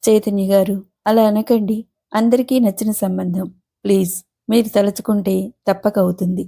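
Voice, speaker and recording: A woman's voice: medium pitch, little pitch movement, normal speed, creaky, warm tone. A woman reading a pushy, coaxing father. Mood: pleading. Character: pushy middle-aged father seeking a match.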